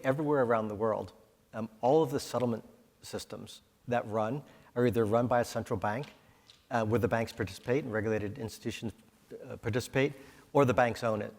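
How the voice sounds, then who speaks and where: In a conference hall with noticeable reverb, a man moderates a panel, speaking conversationally and tossing out rhetorical questions. His voice is fairly low, steady and creaky, and he talks fairly quickly.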